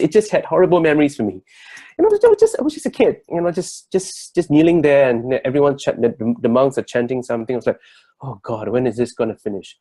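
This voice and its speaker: A man's voice: mid-range voice, warm tone. A man, giving an earnest, reflective talk as a workshop co-presenter and searching for his words. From Singapore. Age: 30s.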